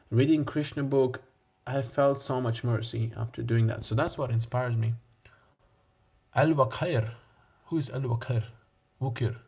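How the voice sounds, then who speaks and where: A man's voice: a little high, a little hiss or hum. A man from Israel, chatting casually with viewers during a cooking livestream as a monk. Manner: chatty, laughing, talks to viewers in the comments.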